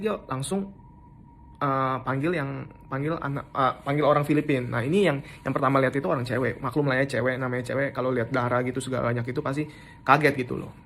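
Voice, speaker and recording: A man's voice: mid-range voice, creaky, a little hiss or hum. A young man casually recounting something that happened to him, in slangy speech with frequent restarts and English words mixed in. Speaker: storyteller recounting an assault. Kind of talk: casual first-person storytelling.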